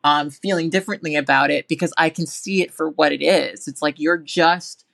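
A woman's voice: low voice, fairly even intonation, moderate pace, vocal fry, fairly bright tone. A woman hosting a podcast, speaking casually and emphatically, with frequent stammered restarts.

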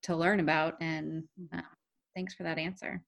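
Lower-voiced woman, earnest and halting. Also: flat delivery, vocal fry. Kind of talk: conversational discussion.

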